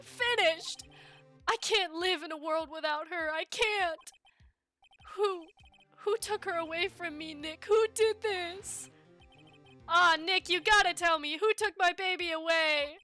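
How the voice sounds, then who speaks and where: A woman voicing a distraught, melodramatic young man in a game playthrough, shouting and wailing. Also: very high voice, slow pace, soft background music, pitched above the performer's own voice, full character voice. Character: loud distraught young male friend.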